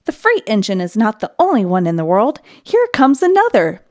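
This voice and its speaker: A woman's voice: mid-range voice, huge pitch swings, moderate pace, a little mellow. A woman voicing a cheerful, hopeful little male toy clown in a storybook, calling out eagerly.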